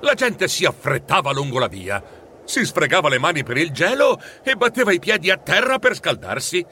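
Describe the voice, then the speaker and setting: A man narrating a storybook in an expressive, animated way. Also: on the high side, normal speed, slight background noise.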